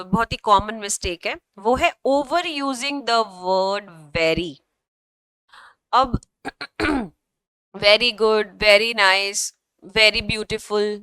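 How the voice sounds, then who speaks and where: A woman's voice: a little high, fairly bright tone, clear, resonant tone, no room sound. A woman from Delhi teaching English for an exam, explaining patiently and often checking that listeners follow. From Delhi, India. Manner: patient, keeps checking in with "theek hai?". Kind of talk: bilingual classroom explanation.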